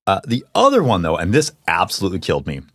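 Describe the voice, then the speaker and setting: A man co-hosting a casual film podcast debate, animated and quick to laugh, with some swearing. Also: sits low, no echo, clean studio sound. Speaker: podcast co-host.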